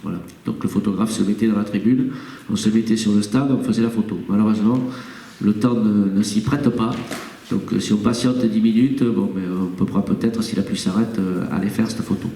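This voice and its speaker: Gravelly low-voiced mayor in an echoey chamber. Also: male voice, steady tone, dark tone, slight background noise. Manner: hesitant, frequent filler pauses and restarts. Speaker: mayor chairing a town council meeting. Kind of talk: formal council address and read-out charter. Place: town council chamber. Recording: echoey hall, voice far from the mic.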